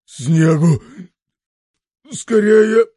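A man's voice: on the low side, takes it slowly, dark tone, no room sound. A male reader playing a heavy, balding merchant who mumbles short phrases with a muffled, breathless mutter, close to the reader's own voice. The sound is close and dry. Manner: dull gasping mutter.

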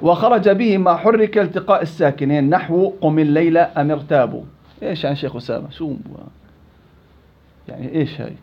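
A high-pitched man runs a quick-fire recitation lesson, calling on students by name and teasing them along. The recording is dull and lo-fi. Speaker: Quran recitation teacher. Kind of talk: interactive classroom lesson.

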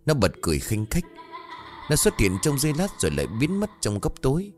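A man narrating a ghost story, voicing the characters himself with a raised pitch. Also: huge pitch swings, fairly quick, a little mellow. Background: faint music.

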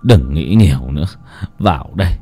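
A man voicing an older man in his fifties who softly consoles his younger brother. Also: animated, normal speed, husky, faint music behind, heavily acted. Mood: soothing. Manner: low, soft, soothing.

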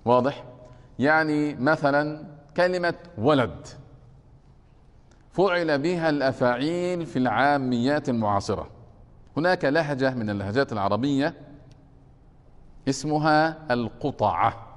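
A man's voice: mid-range voice, animated, moderate pace, pauses often, big-room sound. A man from Egypt with an Egyptian accent, a sheikh teaching Arabic grammar to a class and often stopping to ask whether they follow. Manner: checks the class often with rhetorical questions.

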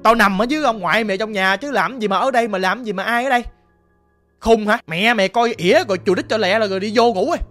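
A man voicing a gruff middle-aged mother scolding her child late at night, in a Southern Vietnamese accent. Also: high voice, fast, fairly bright tone, faint music behind.

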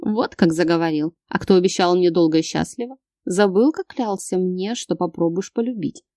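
A woman's voice: lowish voice, normal speed, dark tone, no room sound, clean studio sound, natural voice. A woman reading an audiobook, voicing a scheming wife with a sing-song, mocking manner.

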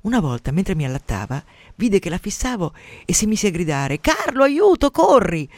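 Self-absorbed young patient, read by a man, talkative, guilt-ridden, high-ish, dry. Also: sing-song, fairly quick, darkish tone, dry recording. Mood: self-pitying. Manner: chattering, self-pitying. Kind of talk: radio story reading.

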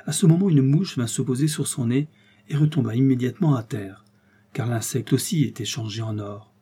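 A man reading a classic tale aloud as an audiobook narrator, measured and expressive. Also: mid-range voice, husky.

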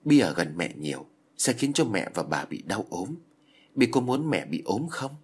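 A man doing a calm, deep-voiced Buddhist master. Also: husky, heavily acted. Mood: soothing. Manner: slow soothing persuasion.

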